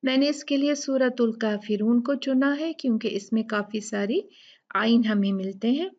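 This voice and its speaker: A woman teaching Quran recitation rules. She demonstrates letters slowly and patiently, and often checks with "ठीक है?". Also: fairly high pitch, a little mellow, muffled recording. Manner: patient, drawn-out demonstrations, keeps asking "ठीक है?". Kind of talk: tajweed lesson with slow recitation.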